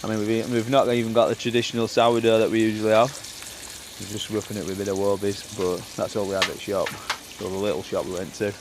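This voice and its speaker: A man with a lowish voice and flat delivery talks fast in a casual, rambling vlog while working outdoors on his allotment and in a greenhouse. He's chatty and uses filler words, and there's slight background noise.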